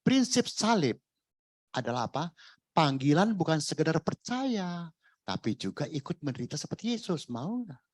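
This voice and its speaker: Male pastor, casual joking sermon delivery, very lively intonation, dry recording. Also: fairly high pitch, moderate pace, dry recording. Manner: conversational, jokey preaching with rhetorical questions. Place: church.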